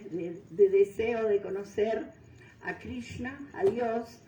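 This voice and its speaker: An older woman from Venezuela giving a devotional talk, pausing often and searching for words. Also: medium pitch, mellow, dull audio, a little hiss or hum. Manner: unhurried, searching for words, frequent fillers. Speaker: guest speaker. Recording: distant mic in roomy hall.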